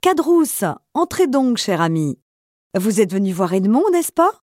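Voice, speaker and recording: A woman reading as a gentle old father. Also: medium pitch, very animated, a little slow, no room sound, studio quality. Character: elderly poor gentle father, male.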